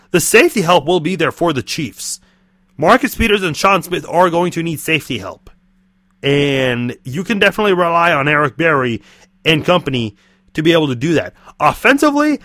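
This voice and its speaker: An American man with a rough, hoarse, strained voice, giving solo football commentary as a podcast host. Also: on the high side, bright, forceful tone, no room sound, clean studio sound. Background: music.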